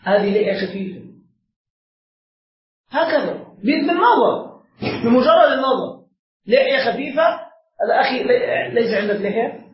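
High-voiced man teaching in an echoey hall. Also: animated, normal speed, long pauses. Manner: explains step by step, quizzes the seated students. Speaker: sheikh teaching a religious lesson. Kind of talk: classroom lesson explaining a text. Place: lesson room with seated listeners. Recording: echoey room, dull lo-fi sound.

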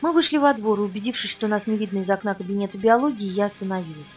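A woman narrating an audiobook in the first person, in a restrained, quiet way. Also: medium pitch, rapid-fire. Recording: distant, muffled, soft music.

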